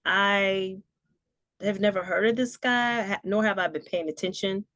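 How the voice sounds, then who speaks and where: A woman co-hosting a casual political chat, thinking aloud as she reads and comments. Her voice sits at an average pitch and sounds dry and close to the mic. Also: unhurried, a bit bright, no room sound. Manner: musing, reads aloud, laughs often. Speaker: podcast co-host.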